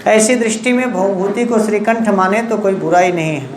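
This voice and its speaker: Woman teacher explaining slowly, keeps repeating the key words, roomy echo, bit of hum behind. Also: medium pitch. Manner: unhurried, repeats key terms, asks rhetorical questions. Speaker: Sanskrit literature teacher. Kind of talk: explanatory lecture. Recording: echoey room with faint ambience.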